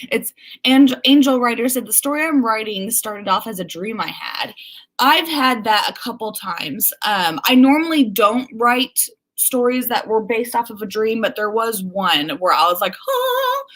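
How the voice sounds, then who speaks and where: Hosting a casual livestream, a woman with a fairly high, fairly bright voice chats informally with her viewers. She reads their comments aloud and exclaims as she acts out their remarks.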